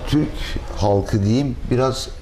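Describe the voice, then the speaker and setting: A middle-aged man, a restaurant owner, answering interview questions in a measured, thoughtful way with pauses and fillers, recorded on a lapel mic in a restaurant dining room. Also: mid-range voice, dark tone.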